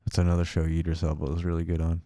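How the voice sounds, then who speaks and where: A young podcast co-host speaks very fast in a low, monotone, mellow voice, recorded with clean studio sound and no echo. In casual chat he's hesitant, with lots of fillers and restarts.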